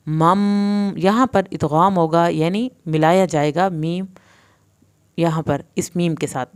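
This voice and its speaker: A woman teaching Quran recitation rules, explaining each sound patiently step by step and reciting verses in long, drawn-out phrases. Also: lowish voice, darkish tone. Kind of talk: tajweed lesson with slow recitation.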